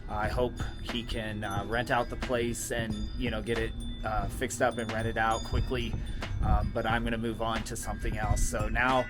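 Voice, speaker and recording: A middle-aged man hosting a casual vlog outdoors, talking in a relaxed, rambling way with many ums and uhs. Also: on the low side, moderate pace, music in the background. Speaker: vlog host. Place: outdoors in a mountain town.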